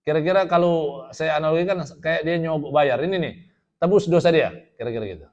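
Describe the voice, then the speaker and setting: A man's voice: fairly high pitch, highs cut off. A male preacher giving a storytelling sermon to a study gathering, quoting Arabic and then explaining it in plain talk, often asking his listeners questions. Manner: asks the audience rhetorical questions.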